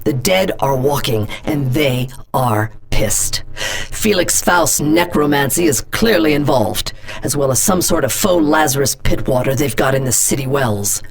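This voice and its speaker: Faint music sits behind this full character voice: a woman's bass voice, animated and a little slow. She plays a video game's stern female government agency director, blunt and intimidating, issuing orders in radio-style briefings with a commanding mood in game voice lines.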